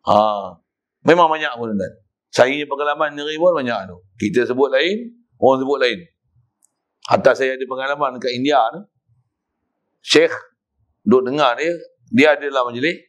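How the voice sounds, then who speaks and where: A middle-aged man with a Malaysian Malay accent giving a kitab lesson in a prayer hall, telling stories and loudly demonstrating chanted recitations. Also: mid-range voice, brisk. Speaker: religious teacher.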